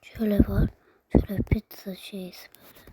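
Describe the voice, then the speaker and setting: A woman vlogger whispering softly as she shows things to her viewers, her voice a little hoarse from being ill. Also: mid-range voice, level tone, brisk. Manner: soft whisper, addressing viewers as friends. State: ill, voice going hoarse at times. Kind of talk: whispered show-and-tell vlog.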